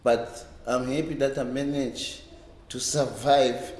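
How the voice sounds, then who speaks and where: Speaking steadily in a mid-range, darkish voice, a South African reggae bass player in his fifties from a Cape Town township rambles through memories, halting and repeating himself. It's a casual oral-history interview recorded in an echoey library room.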